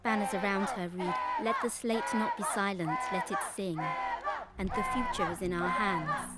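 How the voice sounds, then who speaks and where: A woman's voice: medium pitch, steady tone, moderate pace. A woman reading scripted audio description as a narrator. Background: music and crowd noise.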